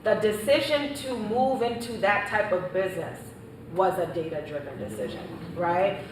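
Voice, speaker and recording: A woman entrepreneur with a mid-range voice at normal speed gives a panel answer, addressing the audience directly with confidence and emphasis. The hall recording is echoey, with a distant mic and background noise.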